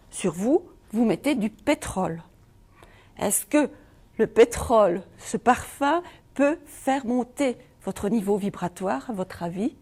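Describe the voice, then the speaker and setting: A woman's voice: on the high side, a little mellow. A middle-aged Belgian woman giving a conference talk on feng shui, asking the audience rhetorical questions. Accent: Belgian French.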